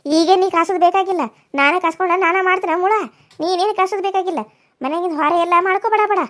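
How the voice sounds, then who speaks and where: A woman voicing a domineering older village mother-in-law, who scolds and taunts slowly. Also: very high voice, fairly bright tone, no echo. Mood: commanding. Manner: scolding, insulting, drawn-out taunts. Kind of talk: cartoon voice acting.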